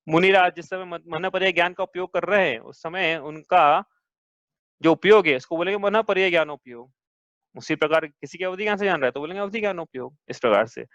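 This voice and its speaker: A man with a high voice leads a scripture class, explaining point by point and checking his students with questions. The sound is dull and lo-fi, dry with no room echo. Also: fairly bright tone. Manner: patient, asks students questions. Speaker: teacher. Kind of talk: religious class lecture.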